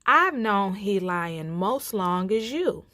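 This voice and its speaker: A woman's voice: medium pitch, sing-song, slow pace, bright, forceful tone, dry recording, clean studio sound, full character voice. Woman as bold, scrawny Bruh Rabbit. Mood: eager.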